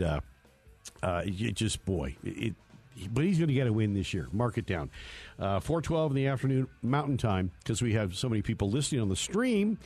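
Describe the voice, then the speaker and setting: This motorsport radio host's voice is mid-range with a darkish tone. Talking casually in a studio, he meanders through stories and mocks himself.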